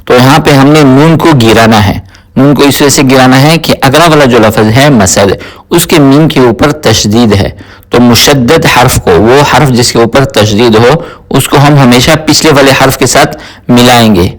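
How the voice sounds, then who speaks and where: A man teaching tajweed word by word, slowly explaining rules and repeating each word several times in a chanted recitation. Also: mid-range voice. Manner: spoken explanation alternating with melodic chanted recitation. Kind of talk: word-by-word tajweed pronunciation lesson.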